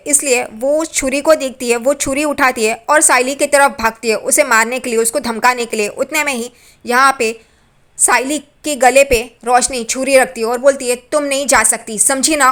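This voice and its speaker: A woman's voice: high voice, fairly bright tone. A woman casually retelling a TV serial episode, with plain, repetitive storytelling. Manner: plain storytelling, repeats phrases like "yahan pe". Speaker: TV serial recap narrator.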